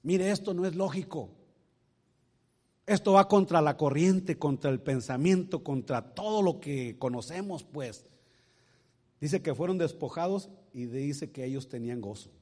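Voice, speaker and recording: High-pitched preacher in a reverberant hall. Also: male voice, a little slow. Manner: swings from quiet asides to loud preaching; asks the congregation rhetorical questions. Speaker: pastor. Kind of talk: sermon. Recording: long reverb of a large hall.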